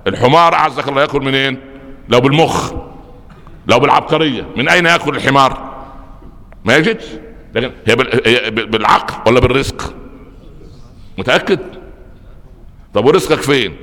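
Egyptian male preacher, quick storytelling delivery, asks the crowd questions, long reverb of a mosque hall. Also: medium pitch. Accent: Egyptian Arabic. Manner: lively storytelling with rhetorical questions; often stumbles and repeats words. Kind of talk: Friday sermon talk.

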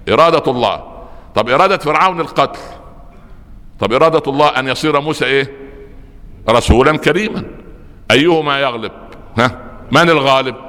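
Egyptian male preacher, quick storytelling delivery, asks the crowd questions, long reverb of a mosque hall. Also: medium pitch. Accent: Egyptian Arabic. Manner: lively storytelling with rhetorical questions; often stumbles and repeats words. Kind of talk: Friday sermon talk.

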